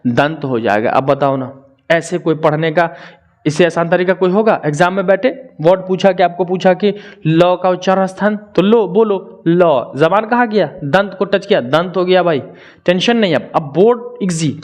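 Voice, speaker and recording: A young man teaching a grammar lesson, drawing out syllables slowly and asking viewers to answer in the comments. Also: sits high. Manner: drills sounds slowly, repeating syllables.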